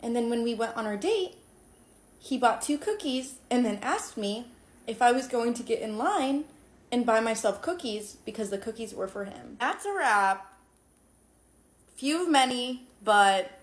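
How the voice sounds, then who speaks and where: A woman's voice: fairly high pitch, reverberant. A woman in her twenties casually telling a list of bad dating stories. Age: 20s. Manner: candid list-style storytelling. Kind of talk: casual vlog storytelling.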